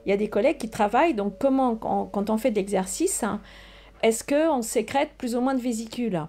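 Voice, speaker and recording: A woman's voice: on the high side, fairly quick, mellow, soft background music. An older woman, a scientist answering interview questions, hesitant with many fillers and restarts. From Portugal. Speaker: research scientist guest.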